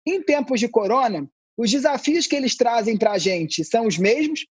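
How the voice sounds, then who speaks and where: A man who is an anthropologist, a guest on a podcast, explaining ideas in a relaxed, conversational way with playful asides. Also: very high-pitched, normal speed, husky, no echo, lo-fi sound.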